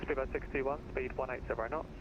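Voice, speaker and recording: A man's voice: mid-range voice, steady tone, quick pace, highs cut off. A man giving clipped air traffic control instructions over the radio. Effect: radio transmission. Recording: very noisy aircraft radio channel.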